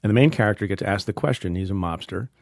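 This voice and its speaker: A man's voice: lowish voice, fast, vocal fry, darkish tone, no echo. Dry-voiced male podcast host. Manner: wry, playful questioning. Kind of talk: conversational interview. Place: studio. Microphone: studio microphone.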